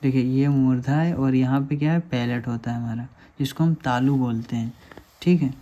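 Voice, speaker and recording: A man's voice: mid-range voice, steady tone, moderate pace, dark tone. Patient man teaching over diagrams. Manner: patient, repeats questions and answers them himself. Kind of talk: explaining a lesson over diagrams.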